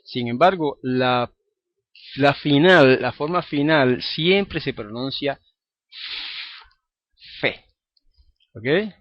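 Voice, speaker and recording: A man's voice: medium pitch, expressive, takes it slowly, dry recording. A man teaching a recorded lesson, explaining patiently and often checking in with the listener. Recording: dry, dull lo-fi recording.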